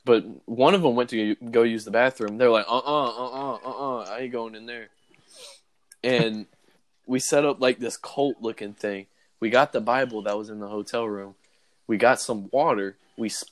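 With a medium-pitched voice at a moderate pace, a young podcast host tells a story in a relaxed chat. He's an animated storyteller who laughs a lot.

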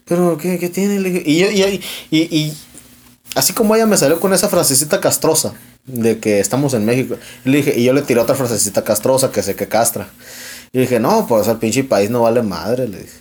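A man's voice: mid-range voice, brisk. A young Mexican man with a Mexican accent, retelling an argument in casual podcast chat, full of slang and swearing. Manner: profane, slangy, animated retelling with quoted dialogue. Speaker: podcast host.

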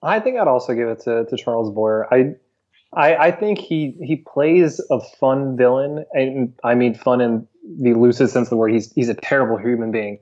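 Casting: man of middle pitch, podcast guest, hesitant and measured, dull lo-fi sound. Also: a little mellow. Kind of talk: casual chat.

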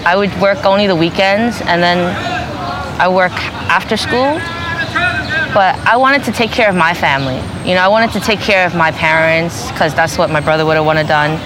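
A New York woman in her twenties who works at her family's store chats through a casual interview, saying "you know" a lot. Her voice is on the low side, her pace moderate, with background noise present.

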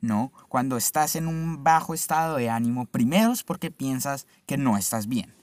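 A man's voice: mid-range voice, expressive, normal speed, no room sound. A young man talking casually and reflectively to the camera, swearing freely and often checking in with the listener. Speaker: vlogger.

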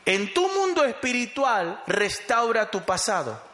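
A man's voice: sits high, very animated, a little slow, bright, forceful tone, echoey room. A man preaching a sermon as pastor, emphatic and calling the congregation to repeat after him.

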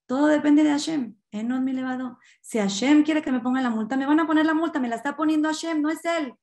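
A woman voicing a calm, devout older man who speaks patiently and serenely. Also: high-pitched, fast talker, reverberant, pitched above the performer's own voice.

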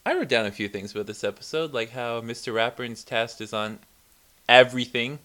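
A man co-hosting a podcast who chats casually and reacts with quick laughs. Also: mid-range voice, sharp tone. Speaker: podcast co-host. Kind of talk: casual chat.

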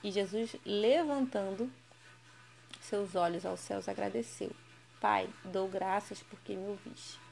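A woman's voice: mid-range voice, measured pace, creaky, a little mellow. A woman reading a Bible passage aloud and commenting on it in a conversational, sometimes emphatic way, often ending phrases with a questioning tag. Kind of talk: scripture reading with casual commentary.

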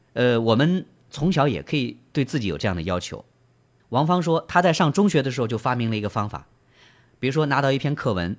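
A man hosting a book club, explaining and retelling in trained standard Mandarin with frequent fillers and questions to the listener. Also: medium pitch. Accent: standard Mandarin, broadcast-trained. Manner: gentle storyteller, asks listeners rhetorical questions. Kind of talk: book reading and discussion.

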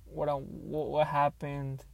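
A young man talking casually and hesitantly, thinking out loud in an unscripted solo podcast, recorded on an earbuds mic inside a car. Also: a little high, completely flat delivery, slow pace, gravelly, no room sound, low-quality recording.

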